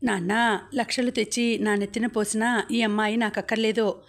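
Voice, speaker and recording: A woman's voice: fairly high pitch, little pitch movement, moderate pace, close to an everyday voice. A woman voicing a sincere young man who speaks plainly and earnestly in an audiobook. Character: young man, sincere, soft-spoken groom.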